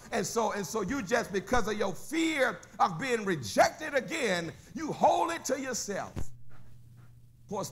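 Pastor man hollering his sermon, bright tense voice, sing-song whoops. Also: high-pitched, gravelly, slight background noise. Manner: rising to shouts and sung whoops, asking "Huh?". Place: church sanctuary.

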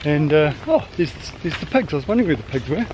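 A man's voice: a little high, big pitch swings, quick pace, dull audio, noisy background. A man in his fifties with a New Zealand accent, chatting casually as he walks and films a sailing vlog on a tropical island. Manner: chatty, upbeat, teasing. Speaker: sailing vlogger. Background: music.

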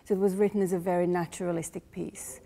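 A woman's voice: fairly low pitch, level tone, fast, dark tone, a little hiss or hum. A woman in her forties with a Croatian accent, a playwright and director explaining her work thoughtfully in an interview in a large rehearsal hall. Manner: thoughtful, searching for words. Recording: long hall reverb.

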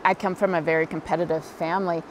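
Her voice pitched fairly low, this middle-aged Montana woman talks quickly in a level tone, yet earnestly and with enthusiasm, about her work as a fly fishing guide. She has a Montana American accent and is being interviewed outdoors beside a river, with a music bed underneath. The audio is poor, carrying a little hiss or hum.

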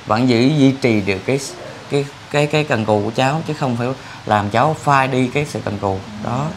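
A man's voice: medium pitch, fairly quick, slight background noise. A man hosting a charity vlog, chatting and joking with a family as he coaxes a boy to come to the city. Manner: coaxing, jokey, talks to the family. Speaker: vlogger, charity host. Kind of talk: casual chat.

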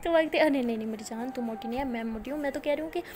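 Talking very fast in a high-pitched voice, a young Indian-accented woman tells a romantic story and voices both characters on her own. Her delivery alternates between gentle narration and animated dialogue.

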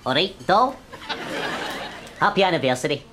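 An actor playing a cheeky, gormless, defensive boyfriend with a broad Scottish accent in a sitcom. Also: male voice, fairly high pitch, animated, moderate pace, bright, forceful tone, soft background music, some chatter behind. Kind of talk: sitcom dialogue.

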